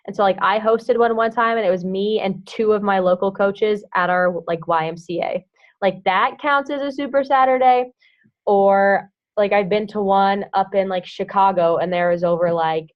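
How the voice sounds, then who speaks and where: Young woman, team coach, casual and rambling with lots of fillers. Lo-fi, muffled audio. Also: mid-range voice. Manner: chatty, heavy use of "like" and "um", hums filler sounds. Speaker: team coach leading a group call. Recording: dull lo-fi audio.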